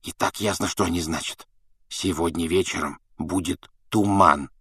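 A man voicing a joking teenage boy in a flat, mumbled deadpan. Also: fairly low pitch, normal speed, no room sound, studio quality.

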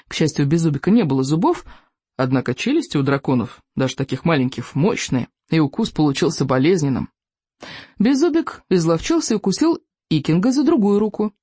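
A narrator reads a children's book aloud with expressive storytelling. The delivery rises and falls widely. The recording is dry and close, with no room sound. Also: mid-range voice, slightly rough, dry recording. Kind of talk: audiobook reading.

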